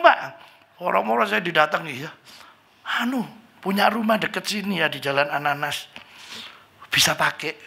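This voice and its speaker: A man preaching a sermon as pastor, telling lively stories and acting out the voices of people in them. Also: a little high, gravelly, breathy edge. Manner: lively storytelling, acts out voices of people in anecdotes.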